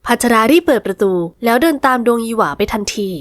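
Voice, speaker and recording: A woman's voice: a little high, animated, quick pace, no room sound. Woman narrating an audio romance, dry sound. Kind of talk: scripted audio-novel narration.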